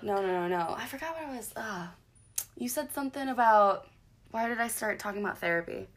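A woman's voice: on the high side, expressive, brisk. A woman chatting casually, rambling and self-deprecating, voicing her own thoughts as quotes. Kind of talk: casual chat.

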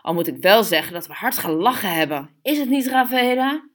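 A woman reading the part of a smarmy young man, in a smooth, ingratiating tone. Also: mid-range voice, lively intonation, fairly quick, fairly bright tone, voice pushed up.

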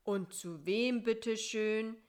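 Brief: woman playing a dozy, nervous male spider in a storybook, stubborn and know-it-all, a bit louder. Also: a little high. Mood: sleepy. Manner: drowsy, slow and know-it-all.

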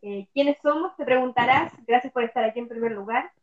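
A woman's voice: on the high side, brisk, phone-quality sound. A Chilean woman hosting a podcast in a casual, chatty way. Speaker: podcast host.

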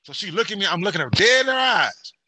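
A man with a high, very bright voice tells childhood stories in a loose, profane chat. He acts out the voices of his mother, his father and himself as a kid. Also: sing-song, fast, breathy edge, no room sound. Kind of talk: casual storytelling chat.

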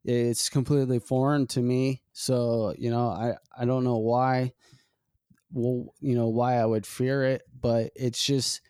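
A podcast host speaks in a warm, smooth voice. He gropes for words with frequent pauses and restarts, reflecting as he talks. The sound is close and dry. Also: mid-range voice, little pitch movement, no room sound. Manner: halting, reflective, many fillers and restarts. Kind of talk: casual conversation.

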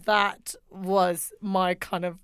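A woman's voice: lowish voice, flat delivery, extremely slow, fairly bright tone, clear, resonant tone, no room sound. A young woman in casual chat, rambling and giggling, full of "like".

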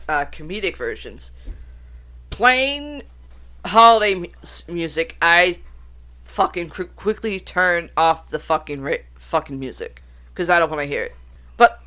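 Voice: mid-range voice, pushed and bright, smooth. A podcast host reading out notes on banned songs, breaking off to swear and joke in casual, uncensored talk. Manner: reads out notes, then swears and riffs.

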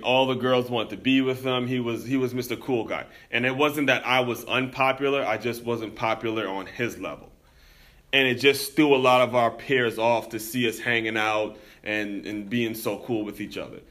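Man, young adult, from the US, podcast host, earnest storytelling, reflective, bright tone. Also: mid-range voice, normal speed. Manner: earnest and reflective, addresses listeners as teammates. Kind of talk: personal storytelling monologue.

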